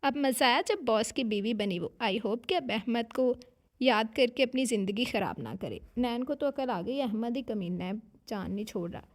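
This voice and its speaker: A woman with a sore, hoarse throat, chatting casually as a channel host while reading viewer comments, slipping English phrases into her speech. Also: on the high side, animated, normal speed. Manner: talks while eating. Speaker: novel narrator and channel host.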